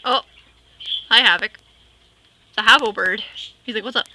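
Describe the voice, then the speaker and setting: Giggly young woman with a high voice, camera mic in a noisy pet store full of birds. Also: a little slow. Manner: playful, giggly, chatters to the birds. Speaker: camera holder narrating. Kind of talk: casual handheld vlog. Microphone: handheld camera mic. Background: chirping birds and store noise.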